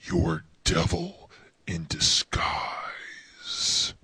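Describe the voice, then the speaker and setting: Gravelly possessed demon with a demonic distorted voice. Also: medium pitch, wildly swooping pitch, extremely slow, pushed and bright, dry recording, exaggerated voice. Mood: taunting. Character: possessed demon speaking through a woman, obscene and taunting. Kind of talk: horror radio bit played from an earlier episode.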